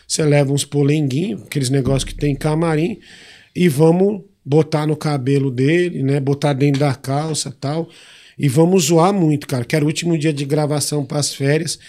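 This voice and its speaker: Brazilian male guest, slightly high voice, lively anecdote teller who swears freely. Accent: Brazilian Portuguese. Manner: animated, swears freely, voices the people in his stories. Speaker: podcast guest. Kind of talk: casual storytelling.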